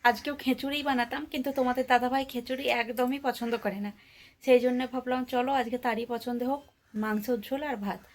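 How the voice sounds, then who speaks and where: A young woman narrates her daily-life vlog, talking directly to viewers as she moves through her home, a market and railway stations. Her voice sits on the high side, with fairly even intonation and a quick pace, and street and vehicle noise fills the background.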